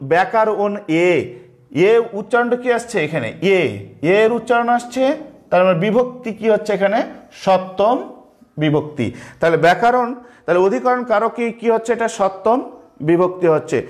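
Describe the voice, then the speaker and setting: A Bangladeshi man teaching an online grammar lesson, slow and repetitive, asking questions and answering them himself. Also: sits high. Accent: Bangladeshi Bengali. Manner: slow, repeats key terms, asks and answers his own questions.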